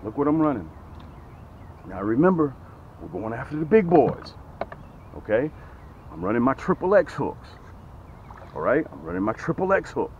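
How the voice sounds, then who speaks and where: In a muffled recording with slight background noise, a middle-aged fishing vlogger and tackle seller stands by a lake and pitches his gear energetically into a camera close to his face. He gestures animatedly and keeps saying "okay?" and "guys."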